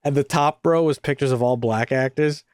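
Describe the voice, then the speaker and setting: A man co-hosting a film podcast in casual chat, animated and profane, often laughing. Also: mid-range voice, moderate pace, clean tone, no room sound, clean studio sound. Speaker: podcast co-host.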